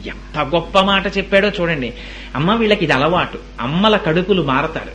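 A man's voice: sits high, lively intonation, moderate pace, a bit bright, slight background noise. A man giving a devotional sermon, telling stories to his listeners and breaking into chanted verses. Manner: storytelling, addresses listeners directly, breaks into sung verse. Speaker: religious discourse speaker.

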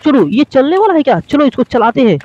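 A man hosting a toy video, narrating play for children with lots of excited exclamations. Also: extremely high pitch, fairly quick, slight background noise. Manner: excitable, full of exclamations, addresses kids directly. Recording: dull lo-fi dry sound.

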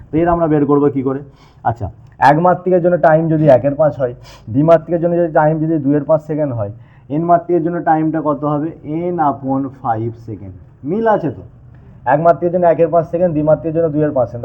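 Male physics teacher, quick classroom delivery, fires questions at students and answers them, tinny lo-fi audio. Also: on the high side. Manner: addresses students informally. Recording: tinny, phone-like sound.

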